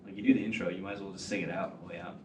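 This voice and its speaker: A man's voice: sits low, steady tone, very fast. A man, a firefighter, talking bluntly and emphatically in a casual round-table podcast chat. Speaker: firefighter guest. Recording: echoey room, distant mic, noise.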